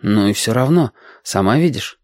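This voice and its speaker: A man's voice: lowish voice, animated, normal speed, darkish tone, no room sound, clean studio sound, lightly acted. A man reading a story aloud and voicing an eager sixth-grade boy who patiently explains things to a girl. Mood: eager, explaining.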